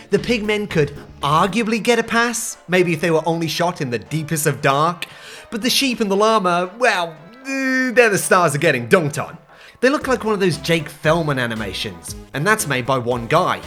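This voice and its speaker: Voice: medium pitch, fairly bright tone. A video essayist delivering a scripted, unhinged rant in an exasperated, sarcastic way. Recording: music playing behind. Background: background music.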